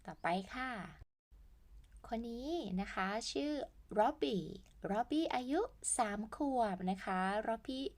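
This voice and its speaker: A woman's voice: expressive, darkish tone. A woman with a Thai accent teaching English to young children, patiently spelling out words and sounding out each phrase. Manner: very slow, patient, spells words out and sings greetings high. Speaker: primary school English teacher. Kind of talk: slow, drawn-out worksheet lesson for young children.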